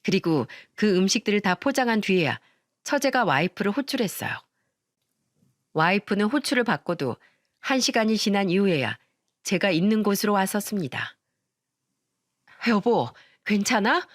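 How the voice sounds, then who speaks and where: A woman telling a dramatic first-person story in a scripted, expressive narration. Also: medium pitch, moderate pace, no echo, studio quality.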